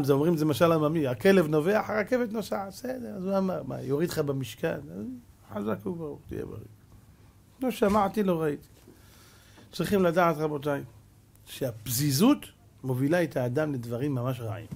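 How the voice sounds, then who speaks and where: A male rabbi delivers a sermon with a gravelly, fairly high voice. He tells stories in an animated way, acts out bits of dialogue, and keeps turning to his listeners. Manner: addresses audience as "gentlemen". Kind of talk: sermon, Torah lesson.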